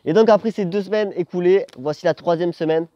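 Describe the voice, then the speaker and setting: A man's voice: sits high, a little fast, mellow, no room sound, dull audio. Young male vlogger. Casual, slangy storyteller with a theatrical, joking streak and free swearing. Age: young adult. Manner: jokey, theatrical, swearing freely. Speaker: vlogger telling a personal story.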